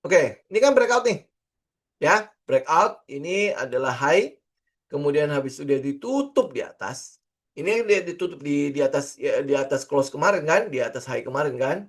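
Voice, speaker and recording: A man's voice: on the high side, lively intonation, moderate pace, slightly rough. A middle-aged man, teaching trading in a casual screen-share lesson, chatty and full of fillers and rhetorical questions. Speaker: trading instructor.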